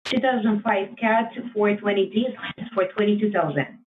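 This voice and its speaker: A woman's voice: medium pitch, normal speed. A woman answers as a sales agent, polite and businesslike. Her voice comes through a tinny phone line with a faint hiss.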